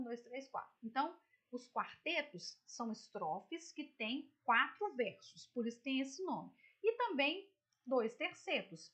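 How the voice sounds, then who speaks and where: A woman teacher with a Brazilian Portuguese accent and a fairly bright, higher voice explains a poem during an online literature lesson over screen share. Her manner is chatty and explanatory, and she keeps checking in with "tá?" and "né?".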